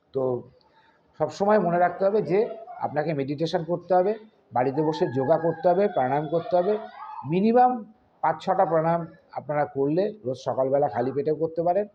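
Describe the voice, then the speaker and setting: A man talking earnestly to his viewers as an astrologer, explaining at length with fillers and restarts. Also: a little high. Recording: slightly dull, faintly noisy.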